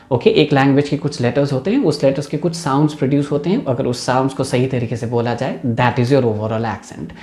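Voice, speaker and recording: An Indian-accented man, an English teacher, gives a chatty, casual video lesson, mixing English into his talk. His voice is mid-range and a little mellow, and the room sounds echoey.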